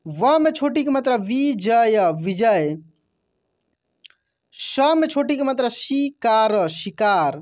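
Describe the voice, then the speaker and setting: A woman's voice: high voice, sing-song, slow pace, long pauses, darkish tone. A woman teaching Hindi reading, who sounds out each letter and vowel sign syllable by syllable and then says the whole word, often saying it twice. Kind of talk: reading lesson, spelling words out.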